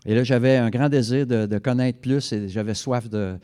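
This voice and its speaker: A man's voice: medium pitch, steady tone, normal speed, dark tone. A man interpreting a guest speaker's talk into French for a church congregation, fluent with occasional self-corrections. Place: church service.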